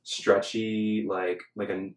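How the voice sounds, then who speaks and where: This young adult podcast host from Los Angeles speaks slowly in a lowish voice with little pitch movement. His casual chat is chatty and filler-heavy, with frequent "like". The room gives the audio a noticeable echo.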